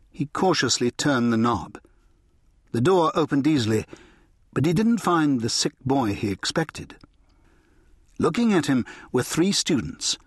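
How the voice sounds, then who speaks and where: Male audiobook narrator; husky, measured, dry close studio read. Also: medium pitch, no room sound. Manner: measured, storytelling. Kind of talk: scripted narration.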